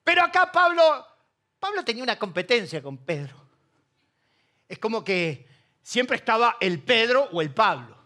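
A man's voice: very high voice, sing-song, moderate pace, long pauses, pushed and bright. A middle-aged man with an Argentine Spanish accent, preaching a sermon with humor and acting out the voices in his stories. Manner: humorous storytelling, acts out voices. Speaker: pastor.

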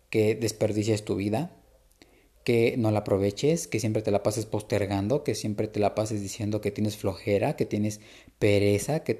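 Man, lowish mellow voice, talking straight to the listener in a thoughtful, unhurried lecture full of small fillers. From Latin America. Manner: reflective, unhurried, frequent "este" fillers and restarts. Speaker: speaker giving a talk on psychology. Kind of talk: informal spoken lecture addressed to the listener.

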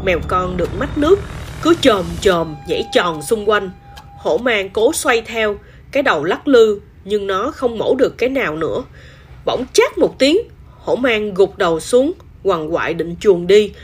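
A woman storyteller reading a children's story aloud in an expressive, animated way. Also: mid-range voice, measured pace, breathy edge.

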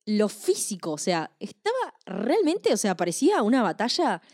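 A woman's voice: mid-range voice, wildly swooping pitch, normal speed, darkish tone, no echo, clean studio sound. A woman with an Argentine accent chatting casually, agreeing often and filling in details. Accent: Argentine Spanish. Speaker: event photographer. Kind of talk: casual chat.

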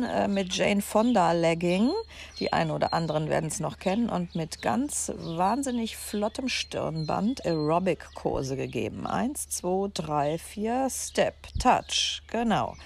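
A woman with a lowish, slightly mellow voice and vocal fry tells personal stories for her podcast, chatty and reflective with frequent fillers. She's recorded outdoors in a garden, where birds and construction noise make faint background sound.

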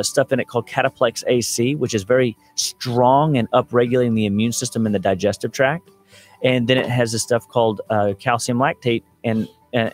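A man in his thirties, a doctor guest on a radio show, explaining remedies in a chatty, laughing way. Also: mid-range voice. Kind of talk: casual radio chat.

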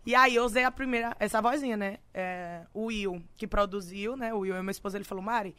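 A Brazilian woman singer telling stories in casual, slangy chat, animated and laughing often. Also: medium pitch, fast, no room sound. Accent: Brazilian Portuguese. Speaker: singer guest.

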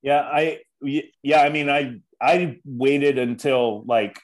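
A man's voice: medium pitch, takes it slowly, low-quality recording. Chatty male podcast host. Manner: relaxed, chatty, with fillers. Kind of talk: casual podcast chat.

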